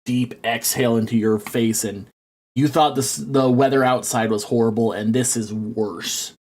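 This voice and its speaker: A man narrating a tabletop game as game master, rambling with many fillers and turning excitable when he rants. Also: mid-range voice, normal speed.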